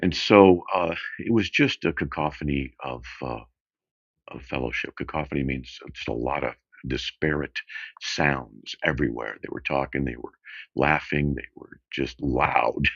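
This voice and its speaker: Talking in a rambling, stop-and-start way, a middle-aged man with a very deep, gravelly voice hosts a radio call-in show without a script. The recording is dry, with the muffled, dull quality of lo-fi radio.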